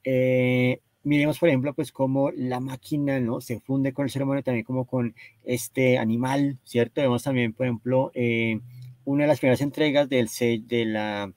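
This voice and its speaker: A man's voice: mid-range voice, steady tone, moderate pace, darkish tone, no room sound. Man lecturing, full of "¿no?". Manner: hesitant, constantly tags phrases with "¿no?" and "¿cierto?". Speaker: lecturer presenting book cover art. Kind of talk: explanatory slide talk.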